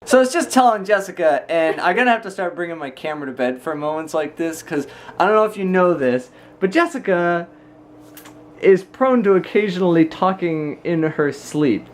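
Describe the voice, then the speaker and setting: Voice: medium pitch, normal speed. Vlogger just chatting away, acts out little reactions while telling stories. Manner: animated retelling with imitated reactions. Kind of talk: casual storytelling chat to camera.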